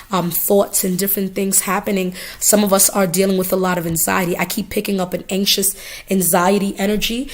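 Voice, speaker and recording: A spiritual reader with a hoarse, medium-pitched voice gives a live oracle card reading, chatting casually, swearing and repeating phrases.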